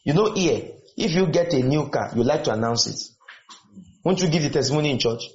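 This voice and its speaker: Speaking a little fast in an animated, fairly high voice, a man delivers a call-and-response sermon to students, peppering them with questions, exhorting them, and going back over his points. An echoey room and dull lo-fi quality mark the recording.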